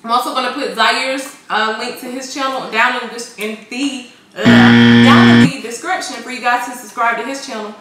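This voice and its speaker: A woman's voice: on the high side, animated, moderate pace, hardly any pauses. A young woman hosting a food challenge video, chatting casually in short, goading prompts as she eats. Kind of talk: casual chat. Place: dining room indoors. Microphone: camera across the table. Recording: roomy, echoing, distant mic, music behind.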